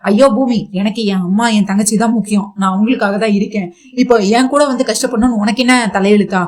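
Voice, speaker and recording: A woman voicing a grieving young man who tries to send his wife away, in a fast, self-pitying retelling. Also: mid-range voice, fairly even intonation, close to an everyday voice. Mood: sorrowful.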